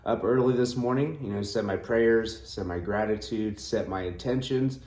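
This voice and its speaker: A man's voice: lowish voice, normal speed, a little mellow. A groggy man giving a casual motivational vlog chat early in the morning, rambling and trailing off as he goes. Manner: rambling, trailing off, frequent 'you know'. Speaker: host of a daily cold plunge vlog. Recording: roomy, echoing sound.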